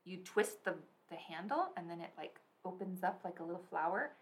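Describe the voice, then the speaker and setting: A woman's voice: fairly low pitch, lively intonation, moderate pace, slight background noise. A young woman co-hosting a podcast, chatting casually and telling stories, full of "like" and "so anyways". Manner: chatty storyteller, lots of "like" and "so anyways". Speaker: podcast co-host. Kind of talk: casual chat.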